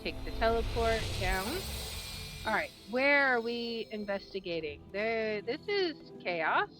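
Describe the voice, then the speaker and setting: A woman's voice: a little high, big pitch swings, measured pace. A woman giving casual gameplay commentary and reading quest text aloud as she plays. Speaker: gamer, video host. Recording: game music behind voice.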